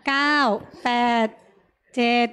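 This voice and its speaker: A woman's voice: extremely slow, a bit bright. A young woman in her twenties hosting a live party game, counting down the seconds and teasing the players. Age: 20s. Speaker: game host and timekeeper.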